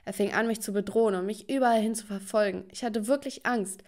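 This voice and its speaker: A woman's voice: medium pitch, fast talker, darkish tone. A woman narrating a scripted first-person story with dramatic, emotional delivery.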